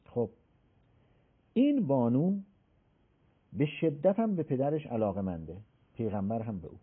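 A man explaining a religious text in an interview, slowly reciting scripture and acting out the people he quotes. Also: medium pitch, breathy edge. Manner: animated, acts out the people he quotes. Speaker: religious scholar explaining hadith. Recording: tinny phone-like sound.

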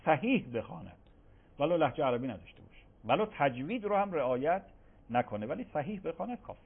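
Male cleric, emphatic, repeats his no's; slightly high voice over a tinny radio line. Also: big pitch swings, creaky, breathy edge. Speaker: cleric answering religious questions. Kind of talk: radio call-in religious Q&A. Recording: phone-like radio broadcast.

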